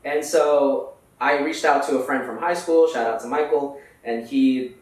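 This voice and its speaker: On a podcast, a young Houston guest has a casual interview chat, easygoing and slangy, filling gaps with lots of fillers. He speaks unhurriedly, at medium pitch with fairly even intonation. The recording is distant and echoey, carrying some faint noise.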